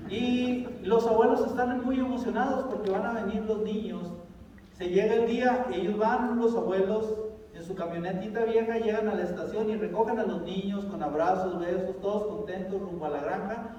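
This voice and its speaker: A man's voice: sits high, steady tone, normal speed, warm tone, slight background noise. A man tells a story from the pulpit in a conversational way. He often asks the audience questions. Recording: echoey hall from far off, dull sound.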